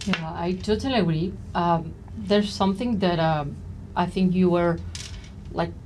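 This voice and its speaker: A woman with a slightly low voice hosts a casual podcast interview. She asks long, friendly questions and laughs easily. A faint hiss of noise runs underneath. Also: steady tone, a little slow, a little mellow. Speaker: podcast host.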